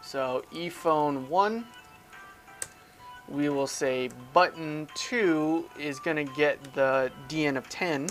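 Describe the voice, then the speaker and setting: A male instructor with a slightly high voice moves slowly through a casual hands-on tech tutorial, narrating every step as he demonstrates. He often asks himself a question and then answers it, in an informal way, with music behind him.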